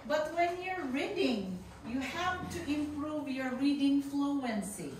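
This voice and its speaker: A woman's voice: high-pitched, lively intonation, slow, a little mellow. A woman teacher giving encouraging spoken feedback on presentations, often checking in with her listeners. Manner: encouraging, repeats "okay" as a check. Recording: echoey noisy room, distant mic.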